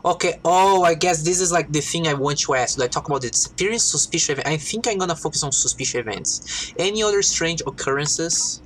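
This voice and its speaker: A woman streaming a game live, thinking out loud and reading on-screen text as she plays. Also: deep voice, quick pace, a little hiss or hum, rough recording.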